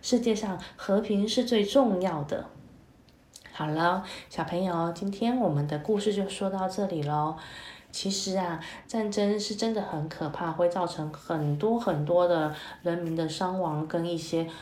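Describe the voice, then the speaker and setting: Woman storyteller for kids, gentle sing-song read-aloud, mellow voice, echoey room. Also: fairly low pitch, moderate pace. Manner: gentle, sing-song, many soft fillers. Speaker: storyteller for children.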